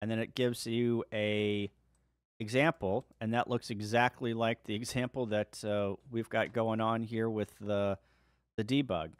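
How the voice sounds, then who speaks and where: Man giving a dry-sounding software walkthrough. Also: lowish voice, a little slow, clear, resonant tone, no room sound. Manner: relaxed step-by-step walkthrough. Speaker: ham radio video host. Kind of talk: screen-share software tutorial.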